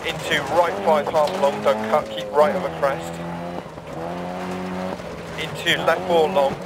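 Gravelly rally co-driver, clipped pace notes. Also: male voice, fairly high pitch, flat delivery, measured pace. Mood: brisk, focused. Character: male rally co-driver, brisk and focused. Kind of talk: rally pace-note calling in a racing game. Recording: loud car engine noise. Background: roaring rally car engine.

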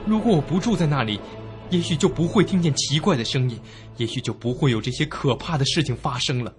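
This actor's voice is fairly high and quick, close to everyday speech, with soft music behind it. Cast as a nervous young man, he narrates his own haunted-inn ordeal as a first-person ghost story, expressive, suspenseful and frightened.

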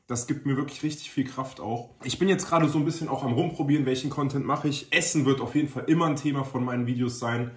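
A man, chatting informally to his viewers in relaxed slang as a YouTuber. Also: medium pitch. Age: 20s. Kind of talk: casual chat to camera. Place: small indoor room. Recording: roomy, echoey indoor sound.

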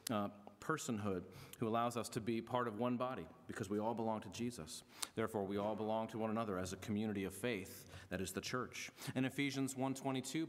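A middle-aged man, a pastor, speaking from a pulpit in a large church sanctuary, mixing formal readings with friendly joking asides. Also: lowish voice. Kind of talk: church membership service address. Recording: long reverb of a church hall.

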